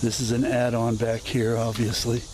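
A man's voice: mid-range voice, completely flat delivery, background noise. Man rambling on an outdoor tour. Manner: halting, many fillers and self-corrections. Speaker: video host touring a historic site. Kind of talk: unscripted walking tour narration. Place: outdoors at a historic house, open grounds.

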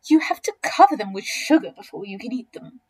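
Lady doing a smaller snarky croc for a kids story, high pitched, scoffing, really animated. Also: brisk, rough recording. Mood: disgusted, firm. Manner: scoffing, emphatic. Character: smaller, scornful, contradicting crocodile, plain-spoken and mocking. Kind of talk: children's storybook character reading.

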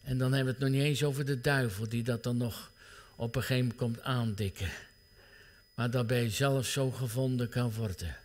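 A middle-aged male pastor preaching an earnest sermon, his voice dropping to a hushed near-whisper at tender moments. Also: mid-range voice, steady tone, brisk.

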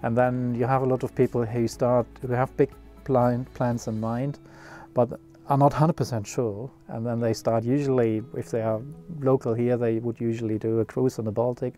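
Sitting in a sailboat's cockpit outdoors, a yacht-building CEO with a German accent talks casually about sailboats, full of fillers and restarts. His mid-range voice is warm but flat, at normal speed, with soft music in the background.

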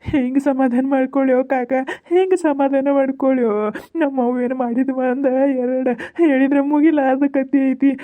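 A woman voicing a grown son in a cartoon who mourns his mother in a pleading, drawn-out way, with a North Karnataka Kannada accent. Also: high-pitched, fairly even intonation, lightly acted. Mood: grieving. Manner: pleading, drawn-out crying speech. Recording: tinny phone-like audio.

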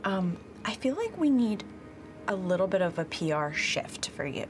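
A woman's voice: mid-range voice, big pitch swings, moderate pace, music in the background. A young woman chatting casually in character as a tabletop game player, peppy and chatty with valley-girl phrasing. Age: young adult. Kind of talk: casual in-character improvised chat. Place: indoor studio set dressed as a tavern.

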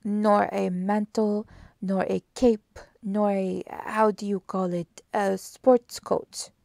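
A woman voicing a fussy, precise older male Belgian detective who asks slow, emphatic questions in a storybook reading. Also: medium pitch, level tone, vocal fry, darkish tone, no room sound. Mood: probing. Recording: dry close audiobook recording.

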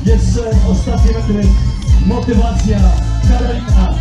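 An unhurried announcer cheers finishers on with shouted encouragement over a public-address loudspeaker at an outdoor race. The voice echoes heavily and is picked up from far off. Loud music and a cheering crowd play behind. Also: medium pitch, wildly swooping pitch. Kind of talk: live event commentary.

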